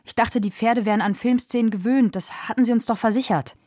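A woman reading an audiobook voices an impatient male film director, speaking higher and louder than her narration. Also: steady tone, brisk, dry recording, studio quality, close to an everyday voice.

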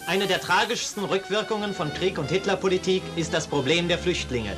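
A man's voice: high voice, fairly quick. Man narrating an old newsreel. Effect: old newsreel soundtrack. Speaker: newsreel announcer. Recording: distant archival recording with music. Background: music.

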